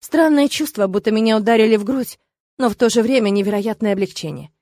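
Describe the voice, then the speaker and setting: A woman reading a first-person novel aloud in a lively, expressive way. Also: fairly high pitch, quick pace. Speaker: audiobook narrator. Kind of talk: first-person audiobook narration.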